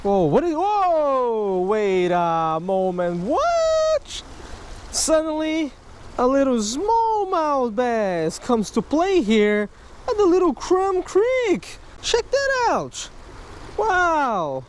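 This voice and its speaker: A thirty-something fishing vlogger speaks extremely slowly in a very high voice with wildly swooping pitch, chatting to his audience and exclaiming over catches by a wooded creek. There's slight background noise on the handheld or chest-mounted camera mic.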